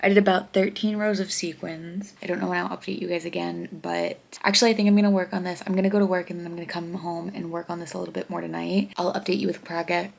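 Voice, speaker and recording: A young woman talks through her vlog in a low voice with some vocal fry. She is candid and chatty and pokes fun at herself, sounding stuffy from a runny nose. A faint hiss of noise sits under her voice. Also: level tone, fast talker, hardly any pauses, darkish tone. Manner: chatty, candid, self-deprecating. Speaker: vlogger. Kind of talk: casual voice-over vlog.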